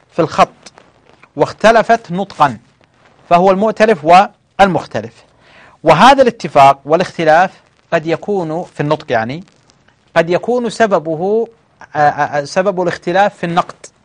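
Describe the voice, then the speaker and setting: A man teaching a classroom lecture, explaining patiently with frequent hesitations and often checking whether his students follow. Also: fairly high pitch. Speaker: teacher of hadith sciences.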